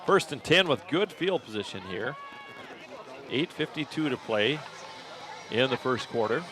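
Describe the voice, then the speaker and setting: At a measured pace, a man calls local radio football play by play. He stays steady until big plays push his voice louder and higher, and he corrects himself aloud on the spot.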